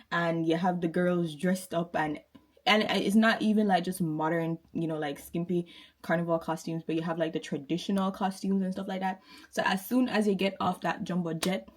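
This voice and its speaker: A young Jamaican woman talks straight to her viewers in a loose, rambling vlog. Her voice sits a little low for a woman. She circles back and restarts her sentences often. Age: 20s. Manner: chatty, rambling, many fillers and restarts. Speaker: vlogger. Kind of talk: casual chat to camera.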